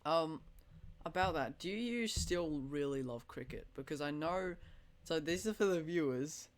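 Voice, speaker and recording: A teenage boy hosting a casual podcast chat, excitable and swearing casually. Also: on the high side, a little slow. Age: teens. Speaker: podcast host.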